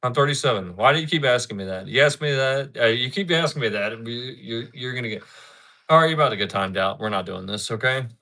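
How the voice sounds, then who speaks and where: A man in his thirties livestreams casual chatter in a mid-range voice that is fast, bright, and forceful. He rambles, repeats himself, and answers his chat.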